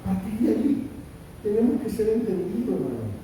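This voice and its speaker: Pastor preaching with a high, echoing voice. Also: male voice, sing-song, brisk, warm tone. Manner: impassioned preaching, rising and falling emphasis. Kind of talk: sermon. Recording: roomy echo, distant mic, faint rumble.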